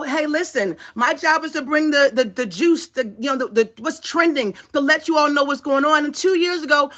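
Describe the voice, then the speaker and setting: A woman's voice: high voice, fairly bright tone, dull audio. A woman hosting a casual livestream, hyping her audience and repeating phrases as she talks. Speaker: livestream host.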